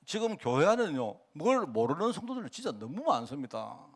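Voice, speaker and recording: Fairly high-pitched and fairly quick, a male pastor with a Gyeongsang accent gives a lively, down-to-earth sermon, acting out his conversations with the people he tells about.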